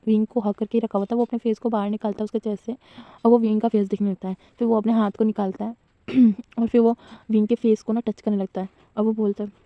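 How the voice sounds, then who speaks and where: A woman retells a fan fiction story in a chatty, loose way, breaking off for giggly asides. Her voice sits somewhat high and mellow. The recording is dry and slightly dull. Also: flat delivery, fast, no echo.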